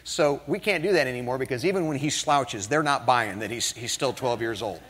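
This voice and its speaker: Speaking briskly with a mid-range voice and a breathy edge, a motivational speaker entertains an audience in a large hall, where the reverb is audible. He's a middle-aged northern American giving a storytelling keynote. His delivery is animated and humorous, full of jokes.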